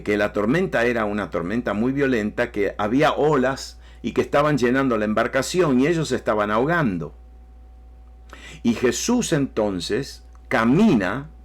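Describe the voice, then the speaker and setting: A man preaching a sermon emphatically, with rising bursts and repeated phrases. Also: medium pitch. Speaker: pastor.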